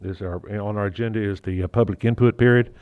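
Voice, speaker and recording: Mayor with a muffled voice behind a mask. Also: male voice, on the low side, fairly even intonation, no room sound. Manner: halting, with fillers and restarts, lightly joking. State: voice muffled through a face mask. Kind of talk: chairing a city council meeting.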